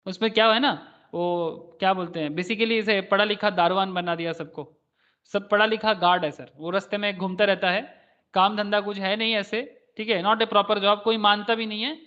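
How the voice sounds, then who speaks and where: A stock market teacher with a high voice gives an online class lecture at normal speed and a steady tone. He rambles, calls his students "sir" and asks rhetorical questions, all captured in dull lo-fi audio.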